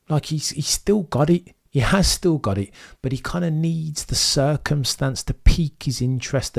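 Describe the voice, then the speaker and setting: A young man streaming Formula 1 commentary reads chat aloud in a fairly low, darkish voice that's starting to give out. He keeps up opinionated, rambling runs, often ending with "right?"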